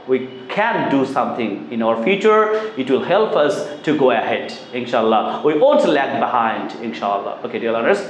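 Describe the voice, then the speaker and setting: A man's voice: mid-range voice, reverberant, slight background noise. A man with a Bangladeshi accent, a native Bengali speaker teaching a spoken English lesson, drilling translations and pleading earnestly with many "uh" fillers.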